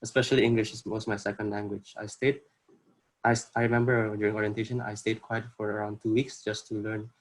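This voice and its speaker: Fast and level in tone, a young man's lowish voice carries an Indonesian accent as he presents an informal workshop over video call. His phrasing is earnest and hesitant.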